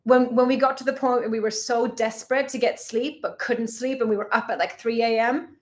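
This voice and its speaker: A young woman from Sweden co-hosting a relaxed live travel Q&A. Her voice sits a touch high, and she talks in a chatty, bubbly way, with frequent laughs and quick asides. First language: Swedish. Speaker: travel vlogger co-host. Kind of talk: casual live Q&A chat.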